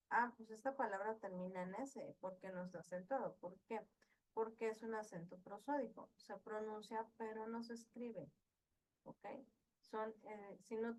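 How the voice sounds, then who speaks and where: A woman's voice: mid-range voice, low-quality recording. A woman teaching an online class, explaining step by step with frequent fillers and checking questions.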